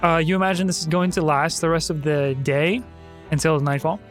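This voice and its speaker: High-voiced man running a tabletop game. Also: fairly even intonation, brisk, soft background music. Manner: bantering, mock-exasperated. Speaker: game master.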